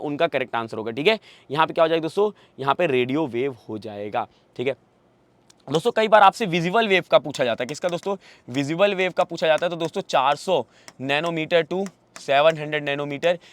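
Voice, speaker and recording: A man teaching a live quiz class for exam preparation. He fires quick questions at viewers, repeats each answer, and reads English questions slowly before translating them. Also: a little high, no room sound.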